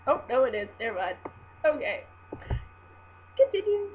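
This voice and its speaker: A woman's voice: mid-range voice, steady tone, brisk. Informal woman reading aloud, muffled with hum. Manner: informal, stumbles and restarts. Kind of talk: amateur dramatic reading of fan fiction. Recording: muffled, humming home recording.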